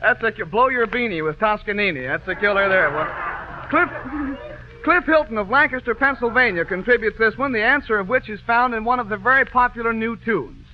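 A man hosting an old-time radio quiz show, joking and bantering with his band in a brisk patter. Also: sits high, slight background noise. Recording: dull lo-fi old radio broadcast.

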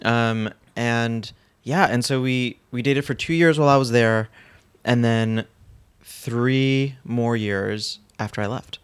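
A man's voice: medium pitch, slow, clear, resonant tone, no echo. Frank, laughing man telling stories. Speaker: podcast guest. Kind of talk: candid casual chat.

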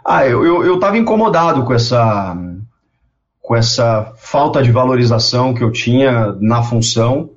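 A man, telling stories in a casual interview, animated and repeating words as he goes. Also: mid-range voice. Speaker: guest. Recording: dull lo-fi sound.

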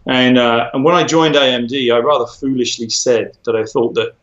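A man talks through his answers in a measured, explanatory way, pausing often on ums and restarting phrases. His voice sits at a middling pitch. The recording sounds roomy and a bit dull. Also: fairly even intonation, fairly bright tone. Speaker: interview guest, former tech executive. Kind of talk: conversational interview.

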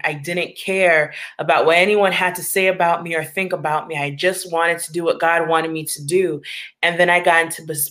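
A woman's voice: low voice, a bit bright. A woman from Long Island, New York, speaking candidly and reflectively as an interview guest, laughing easily.

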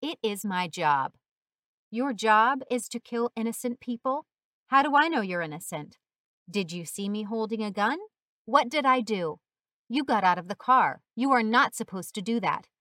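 A woman's voice: a little high, lively intonation, moderate pace, sharp tone, no echo, studio quality. Woman voicing a harsh, barking male cop. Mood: hostile. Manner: barking, bullying. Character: angry male police officer, harsh and commanding.

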